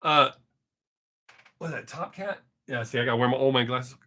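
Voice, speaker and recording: Speaking at a normal speed, this man has a medium-pitched, pushed, bright voice and a Texan accent. He's in his fifties, casually rambling and cursing some while chatting with viewers on a live stream over a webcam mic.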